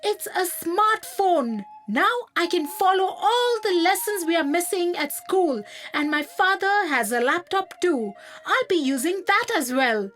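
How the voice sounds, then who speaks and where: Woman putting on a bragging little schoolboy, high young voice, slow careful delivery, storybook. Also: lively intonation, soft background music, exaggerated voice. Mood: boastful. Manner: loud, show-off calling out. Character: eager young schoolboy, boastful. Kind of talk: storybook narration.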